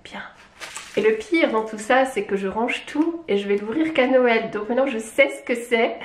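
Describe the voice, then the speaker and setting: Excitable beauty vlogger, woman from Lyon, bright pitch, echoey room, lots of gushing exclamations. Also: normal speed. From Lyon, France. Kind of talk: casual unboxing chat.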